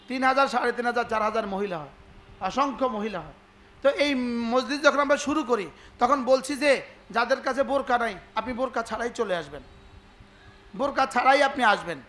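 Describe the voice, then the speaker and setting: A man's voice: extremely high pitch, bright, forceful tone. A man preaching a sermon, asking the crowd rhetorical questions and acting out dialogues. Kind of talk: Islamic sermon (waz).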